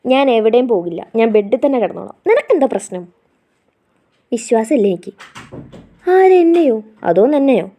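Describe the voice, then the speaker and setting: A teasing, affectionate young husband, as a woman reading a story puts him on. He scolds playfully and then softens. The voice sits fairly high and sounds mellow. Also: sing-song, moderate pace, long pauses.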